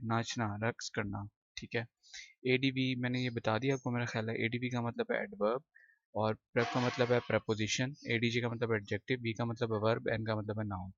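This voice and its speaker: A man's voice: mid-range voice, no echo, muffled recording. A male English teacher giving a recorded lesson, explaining each word patiently and often repeating himself. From Pakistan.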